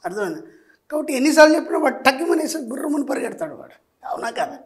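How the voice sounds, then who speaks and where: A man's voice: extremely high pitch, sing-song, quick pace. A man, a spiritual teacher and guest, giving advice in an explanatory way and often stopping to check that the listener understands. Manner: keeps checking understanding with rhetorical questions.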